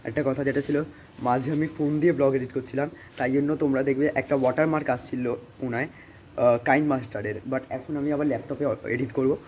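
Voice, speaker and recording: A teenage boy from India with a cold-roughened voice, vlogging casually into a phone at home, rambling with lots of fillers and English words. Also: mid-range voice, steady tone, quick pace, a little mellow, slight background noise. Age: teens. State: hoarse from a cold. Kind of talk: casual vlog chat. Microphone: phone camera.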